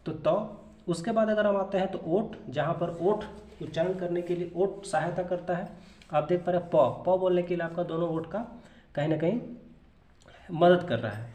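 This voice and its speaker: Male teacher, slightly high voice, patient step-by-step explainer, echoey room. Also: a little mellow. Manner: explains patiently, repeats terms and asks rhetorical questions. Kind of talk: Hindi grammar lesson.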